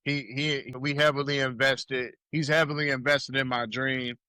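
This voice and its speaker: A man in his thirties with a Southern US accent talks as a guest on an interview show. He is laid-back, repeats himself as he gathers his thoughts, and his voice is bright. The sound is dry and close. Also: mid-range voice, level tone, moderate pace, clear, resonant tone, no echo. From South Carolina. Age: 30s. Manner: laid-back, repeats words, lots of shout-outs. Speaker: guest rapper. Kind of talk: casual interview chat.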